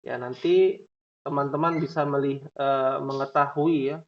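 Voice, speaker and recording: A man teaching a class, asking questions slowly and tagging many lines with "ya". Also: mid-range voice, fairly even intonation. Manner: drawn-out questioning, frequent "ya" tags. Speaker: Arabic teacher. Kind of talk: classroom lesson. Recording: dull lo-fi recording.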